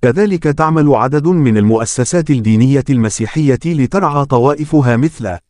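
A man giving scripted documentary narration, reading facts and figures in a steady, even way. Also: mid-range voice, brisk, dry recording, clean studio sound.

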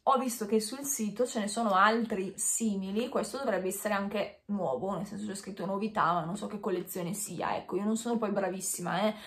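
A woman's voice: medium pitch, vocal fry. A woman in her thirties chatting casually to camera while wearing a dental retainer, hesitant and correcting herself as she goes. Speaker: beauty vlogger. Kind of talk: casual chat unboxing to camera. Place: small indoor room with bare walls. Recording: echoey small room.

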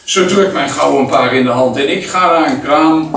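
A man reading a first-person memoir aloud in a deliberate storytelling manner, now and then adding loose spoken asides. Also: fairly high pitch, a bit bright. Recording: echoey, distant mic, faint noise.

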